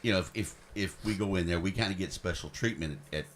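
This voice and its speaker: Brief: man, radio co-host, relaxed, chuckly banter. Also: sits low, fast, slight background noise.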